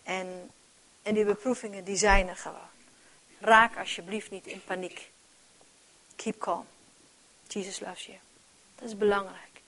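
A woman preaching a sermon with earnest conviction. She moves between soft near-whispers and loud emphatic calls, and repeats words as she restarts. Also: medium pitch, flat delivery, unhurried, long pauses, a little hiss or hum.

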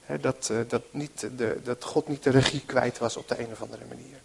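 A male preacher talking through a Bible passage in a relaxed, conversational sermon. His voice sits at an ordinary middle pitch. He often hesitates with fillers and stops to correct himself as he reads. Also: brisk, creaky, slight background noise.

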